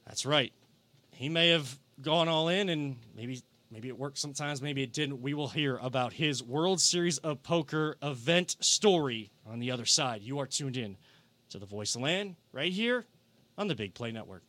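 A young man hosts a casual sports talk show, speaking with energy and often doubling back on his own words. His voice is bright and forceful. The sound is dry and close, with little room around it. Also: mid-range voice, normal speed, no room sound. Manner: energetic, repeats himself. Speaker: podcast host.

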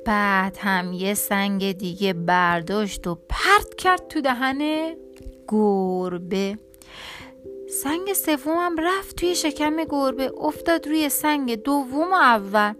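A woman reading a children's storybook aloud in a lively, expressive way. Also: on the high side, faint music behind.

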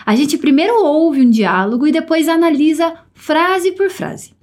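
Speaking with a Brazilian Portuguese accent, a woman teaches a language lesson on a podcast. Her voice is high-pitched with a darkish tone, and she stays upbeat and encouraging, slowing down to model pronunciation.

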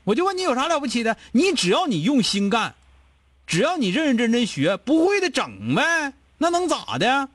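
A man with a Northeastern Mandarin accent hosting an advice show, scolding a caller bluntly with rapid rhetorical questions. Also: extremely high pitch, wildly swooping pitch, fairly bright tone, no echo. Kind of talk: call-in advice chat.

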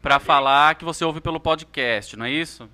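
Bright-voiced joking man host. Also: a little high, brisk. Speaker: podcast host. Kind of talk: casual chat, taking a call.

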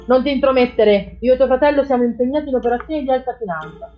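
A woman's voice: medium pitch, big pitch swings, a little fast, muffled recording, soft background music, voice pushed up, lightly acted. A woman reading an audiobook, voicing a boastful, bullying father who deals in cars. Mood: angry. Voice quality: loud, bullying, self-satisfied. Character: blustering boastful father, a crooked car dealer.

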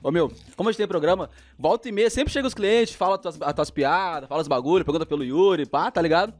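A man, co-hosting a podcast and telling a story in rapid slangy casual chat, acting out what people said. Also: on the high side. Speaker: podcast co-host.

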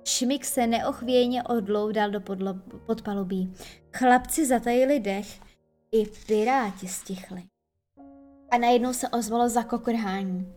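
A woman narrating an audiobook with lively, expressive storytelling. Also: on the high side, soft background music. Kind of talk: audiobook reading.

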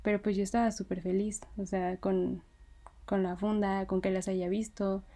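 Mellow-voiced young Mexican woman. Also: medium pitch, normal speed. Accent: Mexican Spanish. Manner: excited, laughs often, many fillers. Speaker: fan telling a story. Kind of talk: casual storytelling.

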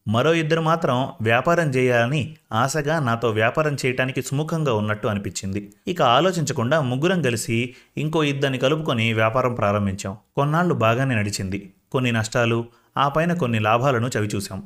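Reflective male storyteller, mid-pitched. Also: fairly quick, fairly bright tone. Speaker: narrator. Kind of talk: first-person story narration.

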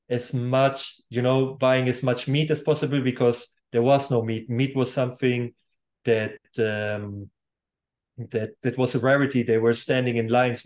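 A man's voice: medium pitch, a little mellow. Laughing German-speaking man in his thirties. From Poland, raised in Germany. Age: 30s. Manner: chatty, laughs easily, many restarts. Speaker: guest, music producer. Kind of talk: casual interview.

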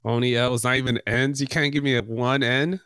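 A man's voice: mid-range voice, fairly even intonation, fairly quick, a bit bright, clear, resonant tone, dry recording, clean studio sound. A young man hosting a casual group discussion in a loose, slangy way. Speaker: host of a casual podcast.

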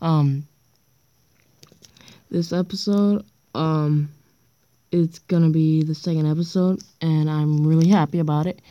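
Sitting on her bedroom floor late at night, a girl of roughly sixth-grade age with a sick, stuffy nose rambles hesitantly and self-deprecatingly into a handheld dictaphone for her casual solo podcast. Her female voice sits low with a warm tone, and the lo-fi recording has no room sound.

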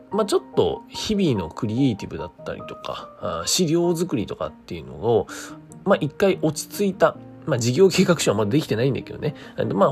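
A man hosting a casual solo talk stream, mixing polite presenter phrasing with chatty asides and thinking aloud in a hesitant, meandering way. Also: mid-range voice. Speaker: creator hosting his own daily talk stream. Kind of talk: casual solo monologue to listeners.

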